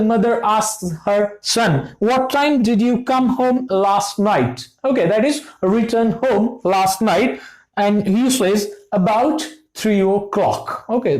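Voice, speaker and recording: A woman's voice: mid-range voice, a little mellow, poor audio. A woman teaching a lesson, patiently repeating each phrase and checking in with "okay" before she explains it. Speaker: English teacher.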